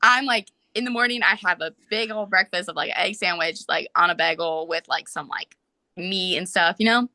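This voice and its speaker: A young woman and soccer player, a podcast guest, telling a story in casual, animated talk full of "like"s. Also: on the low side, dry recording. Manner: animated, fast storytelling with many "like"s.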